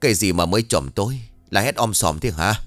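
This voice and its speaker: Man doing a gruff cursing old father. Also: on the low side, animated, fairly quick, a bit bright, dry recording, faint music behind. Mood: grumbling gruff. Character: grumpy older village father.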